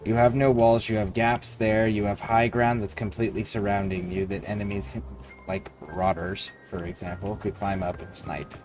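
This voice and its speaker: A man with a lowish voice gives live commentary on a video game. He reasons aloud in a deliberate, explanatory manner while prominent music plays behind him. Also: level tone. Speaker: livestreamer playing a video game. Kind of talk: game commentary, thinking aloud and reading choices.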